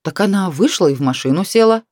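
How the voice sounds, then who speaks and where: A woman's voice: on the low side, lively intonation, fast, darkish tone, dry recording, clean studio sound. A woman voicing a young man who explains things in a plain, matter-of-fact way.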